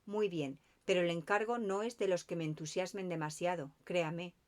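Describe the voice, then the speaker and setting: A reserved male country doctor who answers with some reluctance, read by a woman in an audiobook. The voice stays slightly low and even. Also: normal speed, lightly acted. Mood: reluctant.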